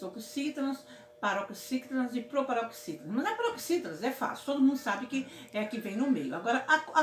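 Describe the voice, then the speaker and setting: A woman's voice: fairly high pitch, a little hiss or hum. Brazilian woman teaching grammar, echoey room. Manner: affectionate, repeats "certo, meus amores?". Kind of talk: casual grammar lesson. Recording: echoey room with faint ambience.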